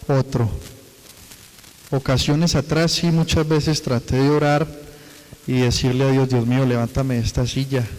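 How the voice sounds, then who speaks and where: A man tells his church testimony earnestly and at length. He often repeats "le dije" as he talks. His mid-pitched voice carries a long reverb, as if in a large hall. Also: darkish tone. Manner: earnest, repetitive storytelling with many "le dije". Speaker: guest giving a testimony.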